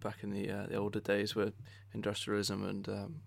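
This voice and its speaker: A man's voice: on the low side, completely flat delivery, a little fast, creaky. A man hosting a podcast in a casual, jokey, rambling and hesitant way. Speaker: podcast host. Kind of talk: casual chat interview.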